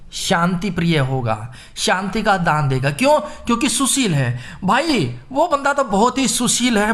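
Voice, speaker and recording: Brief: male tutor with a high voice, playful, acts out little bits to teach memory tricks. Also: a bit bright. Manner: playful, acts out crowd voices in a sing-song way. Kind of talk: exam mnemonic lesson.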